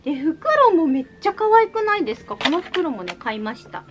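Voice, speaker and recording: A bubbly woman talks through her recent purchases in an easy, chatty way. Her voice sits high and swoops up and down, lively and expressive. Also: fairly quick, a little hiss or hum. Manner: bubbly and chatty, cheerful "jaan" reveals. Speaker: vlogger showing recent purchases. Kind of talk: casual haul video chat.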